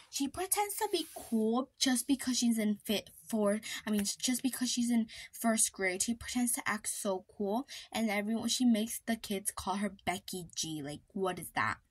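A woman's voice: a little high, normal speed, slightly rough. A woman chatting to camera, gossiping about her sisters in a dramatic, indignant way, full of "like", now and then dropping to a whisper for secrets. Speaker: vlogger.

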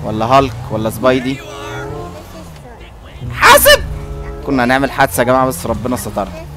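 A man with an Egyptian Arabic accent giving playful, joking gameplay commentary as a video host, often breaking into shouts. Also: mid-range voice, steady tone, very fast. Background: game music.

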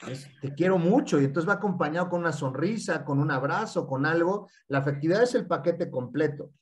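Animated Mexican man explaining. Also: on the high side, brisk. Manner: animated, repeats "y entonces". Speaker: guest speaker. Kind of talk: casual explanatory talk.

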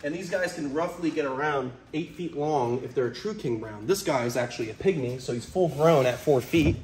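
Exuberant young male wildlife vlogger, higher-pitched. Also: fairly quick, darkish tone, a little hiss or hum. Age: young adult. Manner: exuberant, playful, enthusiastic. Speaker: wildlife host, snake keeper. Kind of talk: casual excited wildlife vlog narration. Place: indoor concrete-floored reptile room. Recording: echoey hard-floored room.

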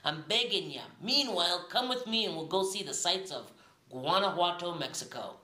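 A middle-aged vlogger speaks at normal speed in an expressive voice that's on the low side, pushed and bright. She addresses a phone or camera held at arm's length in a casual, emphatic way, often repeating words for effect. The setting is mostly hilly town streets outside, partly indoors.

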